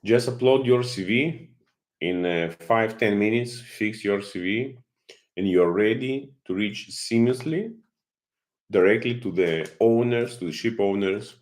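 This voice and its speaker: This Kazakh channel host, a marine consultant, speaks slowly in a deep voice on a live stream from his Greek home. He stumbles along, restarting sentences and leaning on lots of fillers.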